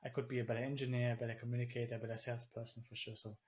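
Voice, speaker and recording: A native German speaker born in Germany and living in the Netherlands talks casually as a video-call interview guest. His medium-pitched, darkish voice barely moves in pitch and comes out very fast, with rambling fillers and restarts.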